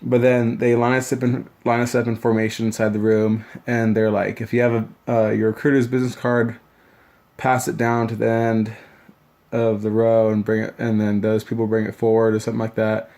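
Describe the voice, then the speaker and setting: Gravelly young man casually rambling. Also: lowish voice, completely flat delivery, brisk, a little mellow. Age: young adult. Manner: rambling, loose, many fillers and restarts. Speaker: new Marine recalling boot camp. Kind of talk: casual storytelling vlog.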